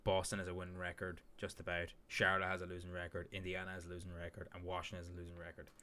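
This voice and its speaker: A man with a deep, low voice talks through basketball standings in a loose, rambling podcast chat. He piles up fillers and self-corrections as he goes. A faint hiss sits under the recording. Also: completely flat delivery, very fast, sharp tone. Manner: rambling, filler-heavy analysis. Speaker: podcast co-host. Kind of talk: casual sports chat.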